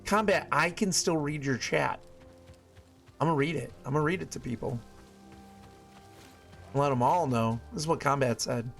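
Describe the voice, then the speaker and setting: A man's voice: a little high, moderate pace, gravelly, pauses often, fairly bright tone. A man live-streaming a video game, chatting casually with his viewers and exclaiming at small things. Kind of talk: casual live stream chat while gaming. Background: game music.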